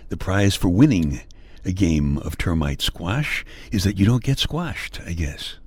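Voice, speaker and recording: An older man hosts a podcast with a low, sing-song, unhurried voice that carries a breathy edge and no echo. He tells personal stories in a playful, folksy monologue, full of mock-grumbling humor.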